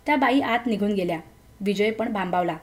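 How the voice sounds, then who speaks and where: A woman reading a story aloud as its narrator, in a gentle, emotive way. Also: medium pitch, brisk.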